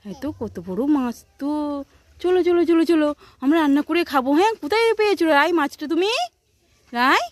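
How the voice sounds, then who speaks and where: Very high-voiced mother coaxing a toddler. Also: animated, fairly quick. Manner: coaxing, sing-song questions to a toddler. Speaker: mother filming her child. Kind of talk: casual chat with a child.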